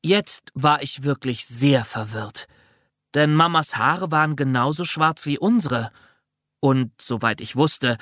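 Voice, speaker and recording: A reader narrating a children's audiobook in an expressive, lively way. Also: medium pitch, dry recording, clean studio sound.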